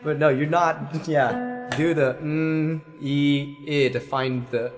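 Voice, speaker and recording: A man's voice: on the high side, fairly even intonation, slow, soft background music. A man giving a singing lesson as voice teacher, patiently explaining and singing vowels to show them.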